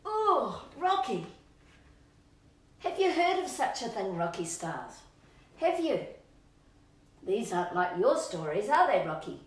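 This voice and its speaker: A woman reads a storybook aloud to children in a playful, sing-song style, stretching words for emphasis and chatting to her pet dog as a storytime channel host. Her medium-pitched voice is very animated and slow with long pauses, captured by a distant microphone with roomy echo.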